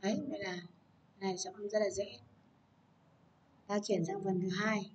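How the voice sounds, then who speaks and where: A woman's voice: medium pitch, fairly even intonation, moderate pace, darkish tone, lo-fi sound, slight background noise. A woman teaching an English lesson to children, explaining patiently and prompting her students.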